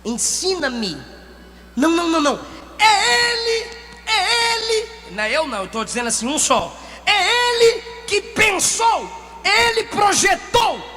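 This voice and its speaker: Brazilian lady preaching loud, bright ringing voice, big church echo, music faint. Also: extremely high pitch, big pitch swings, measured pace. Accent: Brazilian Portuguese. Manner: shouting, emphatic, acts out quotes. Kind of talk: sermon. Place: church hall.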